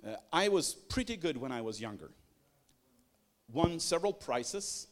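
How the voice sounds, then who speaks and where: A man's voice: a little high, very animated, a little slow. A man giving a sermon-style teaching, talking in an emphatic, rhetorical way with lots of repetition. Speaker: preacher.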